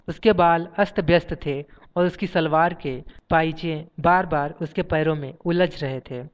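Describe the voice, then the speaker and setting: Smooth-voiced man narrating an audiobook. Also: a little high. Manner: measured, reads page numbers aloud. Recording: dull lo-fi audiobook recording.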